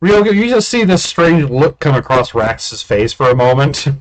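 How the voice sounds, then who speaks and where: A man's voice: a little high, sing-song, normal speed, low-quality recording. A man casually narrating a tabletop game as game master, in an informal way.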